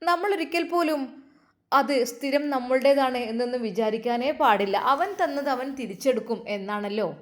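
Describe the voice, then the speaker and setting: A woman voicing a devout older mother who gently comforts and admonishes her daughter. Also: sits high, normal speed, close to an everyday voice. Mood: consoling. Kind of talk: dramatic storytelling.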